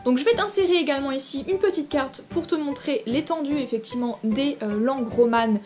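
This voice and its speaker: A woman's voice: high-pitched, a little fast, darkish tone. Woman explaining Latin, friendly teacher. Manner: informal, addresses viewer directly, many fillers. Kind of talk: explanatory lesson video.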